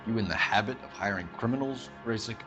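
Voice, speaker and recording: A man's voice: lowish voice, fast talker, pushed and bright, muffled recording, faint music behind. A man playing a stern, methodical 1940s police detective in a video game, formal and clipped. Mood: accusatory.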